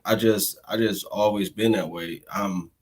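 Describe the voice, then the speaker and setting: A laid-back man hosting a casual interview, speaking calmly and in a measured way, often restarting his sentences. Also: lowish voice, husky, rough recording. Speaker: host, state senator.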